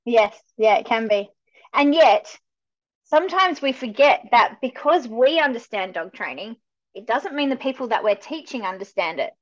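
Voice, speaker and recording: Woman guest dog trainer, high pitch, eager and affirming; dull lo-fi remote audio. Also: animated. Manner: eager and affirming, quick agreements. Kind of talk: casual conversational chat.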